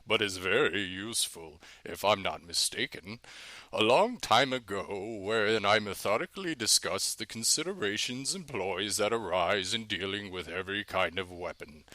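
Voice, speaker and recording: A man's voice: deep voice, sharp tone, dry recording. A man putting on the voice of an old male Renaissance fencing master, reading a formal, archaic text aloud.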